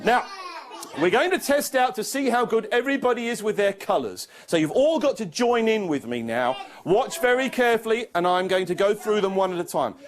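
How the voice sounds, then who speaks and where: A man's voice: high-pitched, expressive, a little fast. A man performing as a playful children's party magician, giving simple instructions and mock-confused patter in a live show. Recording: noisy live room with clicks.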